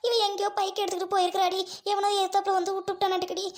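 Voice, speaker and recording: A shrill, squeaky cartoon girl who panics and wails at every turn. Her voice sits extremely high and never settles. It sounds made for a kids' cartoon. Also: level tone, very fast. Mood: wailing. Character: frantic squeaky young woman friend. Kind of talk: cartoon voice acting.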